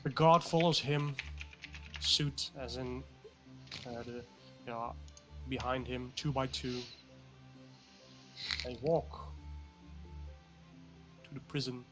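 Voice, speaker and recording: A man narrating a tabletop game as game master, halting and searching for words. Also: medium pitch, steady tone, over music.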